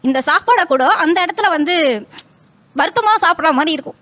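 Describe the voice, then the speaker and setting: A woman's voice: very high voice, expressive, fairly quick, a bit bright. A woman who works as a cook, telling of her treatment at work in an aggrieved, pleading way. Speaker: cook on a debate show. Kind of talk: telling her own experience.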